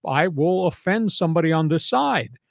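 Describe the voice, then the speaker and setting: An older man hosting a sports podcast in a fairly high voice, punching his points hard and sliding into preachy rants. The sound is close and dry, with almost no room in it. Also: lively intonation, normal speed, creaky, no echo. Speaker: sports talk host. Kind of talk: casual sports talk.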